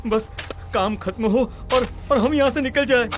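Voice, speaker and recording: A man's voice: very high-pitched, background noise. A man voicing frightened young friends digging up a grave at night, talking nervously and in a hurry. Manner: nervous, hurried, repeats words. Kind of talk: Hindi audio story dialogue. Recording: voice over loud background music.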